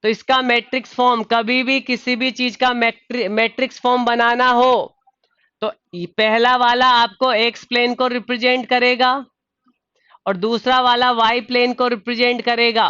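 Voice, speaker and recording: A man's voice: very high-pitched, level tone, moderate pace, bright, forceful tone, clear, resonant tone, no room sound, highs cut off. A man teaching a live online engineering class, calling on students by name, addressing them as dear and patiently repeating his questions. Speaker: online exam tutor.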